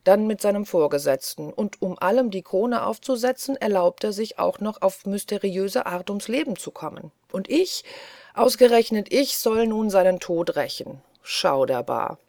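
A woman's voice: medium pitch, lively intonation, normal speed, a little mellow, no room sound, studio quality, close to an everyday voice. A woman voicing a brash young male agent in an audiobook, exclaiming and indignant. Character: cheeky young male agent, irritable, outspoken.

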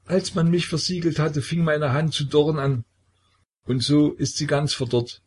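A man's voice: lowish voice, a little slow, darkish tone, slightly rough. A man voicing a young deserter recruit who stammers and pleads tearfully. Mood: sobbing, pleading.

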